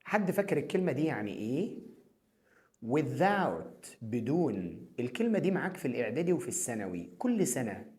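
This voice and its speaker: A man with an Egyptian Arabic accent teaching a children's English review lesson. He repeats each English word slowly and then translates it. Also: medium pitch, very animated, darkish tone.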